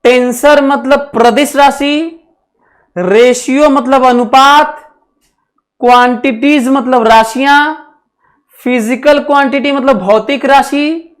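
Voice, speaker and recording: A male physics teacher giving a classroom lecture at a slow, deliberate pace. He repeats his phrases, throws questions at the class and dictates notes, switching between Hindi and English terms. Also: very high voice, steady tone. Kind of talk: classroom lecture for exam students.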